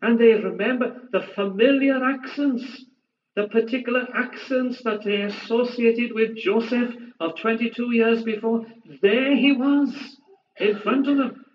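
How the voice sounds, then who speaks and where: A man's voice: very high-pitched, fairly even intonation, a little slow, reverberant. A man preaching a sermon in an earnest, emphatic way, repeating phrases to press his point home. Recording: distant dull recording with faint hiss.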